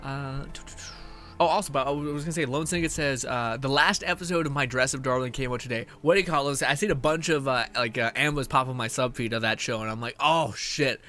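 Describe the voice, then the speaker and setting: A man's voice: mid-range voice, fairly quick, pushed and bright, faint music behind. A man chatting casually on a game stream, rambling and slangy as he reads chat. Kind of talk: casual live-stream chat over gameplay.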